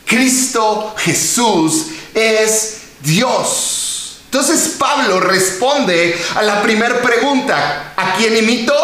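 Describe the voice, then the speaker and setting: A man preaching a sermon as pastor, emphatic, with rhetorical questions and drawn-out words. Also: sits high, sharp tone. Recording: very echoey hall.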